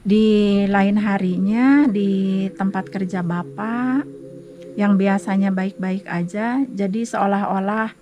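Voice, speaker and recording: A woman's voice: mid-range voice, fairly even intonation, slow, dark tone, muffled recording, slight background noise. A woman earnestly telling a story in a casual interview outdoors. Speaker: local resident, interviewee.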